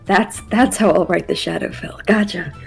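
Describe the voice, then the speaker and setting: A woman's voice: on the low side, moderate pace, gravelly, breathy edge, soft background music. A woman player joking and teasing in a tabletop game chat. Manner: giggly, teasing.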